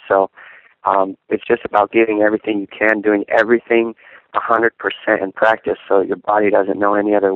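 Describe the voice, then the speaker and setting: A man on a phone line for a conference call, a fighter answering press questions in an earnest, halting way with many fillers. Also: lowish voice, dry recording. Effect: heard over a phone line on a conference call. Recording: tinny, dry phone-line audio.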